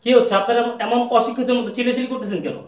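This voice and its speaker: An actor playing a haughty brother-in-law who speaks condescendingly after being insulted. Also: male voice, very high-pitched, steady tone, racing, echoey room. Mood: disdainful. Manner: condescending, disdainful. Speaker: the sister's husband.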